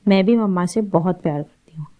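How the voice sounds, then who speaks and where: A woman's voice: on the low side, brisk, close to an everyday voice. Woman reading as a tearful teenage girl. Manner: soft, apologetic.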